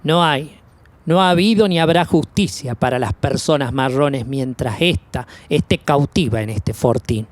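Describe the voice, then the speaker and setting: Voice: medium pitch, unhurried. A speaker from Argentina reading a scripted manifesto in a solemn, declamatory cadence with long lists. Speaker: narrator of an activist video piece. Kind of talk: scripted spoken-word manifesto narration.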